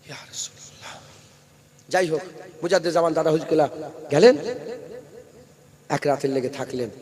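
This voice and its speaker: A man preaching an Islamic sermon at a night gathering. He swings from loud, rising declamation to low, confiding asides, speaking into a stage microphone. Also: in a large hall.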